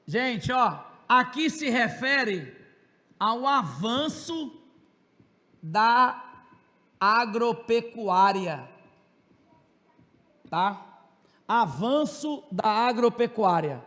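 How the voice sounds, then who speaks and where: Loud high-voiced man teaching, joking. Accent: Brazilian Portuguese, Tocantins region. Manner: loud, fast and joking, with asides to students. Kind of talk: joking classroom lecture. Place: classroom. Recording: long reverb of a classroom.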